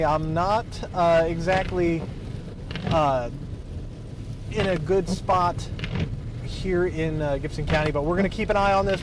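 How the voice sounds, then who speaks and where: A man giving a live road report from inside a moving car, speaking haltingly with many fillers while driving. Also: fairly high pitch, noisy background. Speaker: field meteorologist reporting from car.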